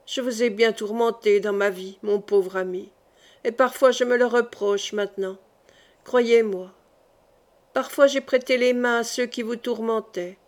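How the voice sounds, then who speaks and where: A woman voicing a dying, weary king who speaks softly and confidingly in an audiobook reading. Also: steady tone, measured pace, natural voice. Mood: remorseful. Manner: soft, low-voiced confiding.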